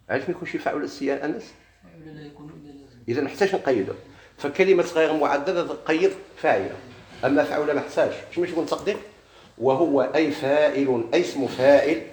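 A man with a Moroccan Arabic accent teaching a classroom grammar lesson. He keeps quizzing his students and slowly draws out each example word. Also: fairly high pitch, reverberant.

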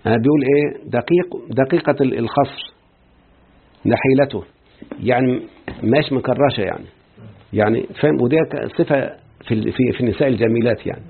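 A man's voice: medium pitch, a little fast, pauses often. A man with an Egyptian Arabic accent giving a classroom grammar lesson, explaining step by step and checking often that students follow. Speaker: grammar teacher. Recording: tinny phone-like husky recording.

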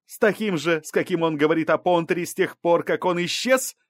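A man reading an audiobook, voicing a mocking, aggressive female prosecutor who presses and rises to shouts. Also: mid-range voice, normal speed, dry recording, studio quality, lightly acted.

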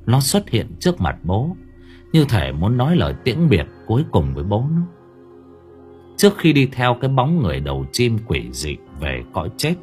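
A man narrating a horror audiobook with suspenseful, expressive delivery. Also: lowish voice, normal speed, soft background music. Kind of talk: dramatic horror story narration.

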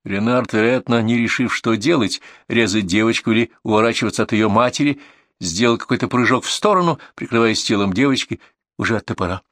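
A man's voice: lowish voice, fairly quick, fairly bright tone, no echo. A man narrating a first-person audiobook in a tense, dramatic way, recorded in a dry booth.

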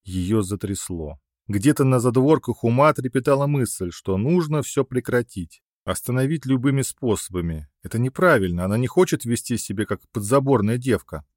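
A man reading a fantasy romance audiobook aloud in an expressive, dramatic way. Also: medium pitch, moderate pace, hardly any pauses, dry recording, studio quality. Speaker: audiobook narrator. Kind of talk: scripted narration of a fantasy romance.

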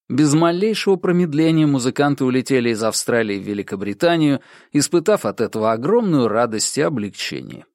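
A man's voice: mid-range voice, dry recording. Man narrating an audiobook, dry close sound. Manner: measured, even storytelling.

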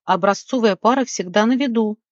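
A woman's voice: mid-range voice, a little fast, dry recording, lo-fi sound, lightly acted. Audiobook: woman as a stern, indignant king. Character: irritable, imperious male king.

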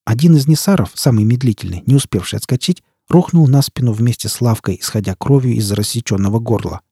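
A man narrating a fantasy audiobook in steady storytelling. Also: medium pitch, quick pace, husky, no echo, clean studio sound.

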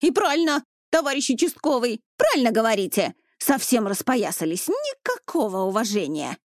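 A woman voicing a quarrelsome village woman of about forty who scolds loudly in a ringing voice. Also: a little high, big pitch swings, a little slow, no echo, studio quality. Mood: scolding. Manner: loud, scolding, ringing chatter.

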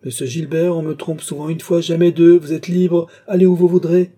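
A man's voice: mid-range voice, fairly quick, dark tone, breathy edge, voice pushed up, lightly acted. A man voicing a suspicious, acrimonious philosopher in a storybook reading. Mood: bitter. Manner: sour, acrimonious. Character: bitter, suspicious aging philosopher.

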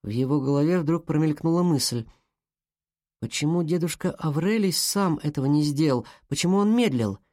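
An audiobook narrator reading a children's fantasy story in a calm, even manner. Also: medium pitch, normal speed, no echo, studio quality.

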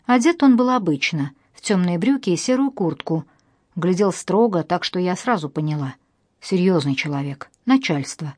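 A woman's voice: fairly low pitch, expressive, moderate pace, a little mellow, no echo, studio quality. Woman narrating a wry first-person story. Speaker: audiobook narrator.

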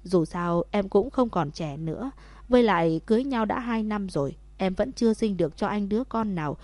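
A woman's voice: expressive, fairly quick, a little mellow, no room sound, natural voice. A woman voicing a young wife in a storybook, emotional and outspoken toward her husband. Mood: soft. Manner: emotional high calls. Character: young wife, frightened then scolding.

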